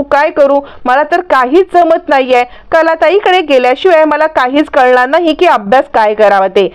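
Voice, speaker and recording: A woman's voice: sits high, clear, resonant tone. A woman narrating a recap of a television serial, reading every character's lines in her own voice. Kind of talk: storytelling recap with voiced quotes.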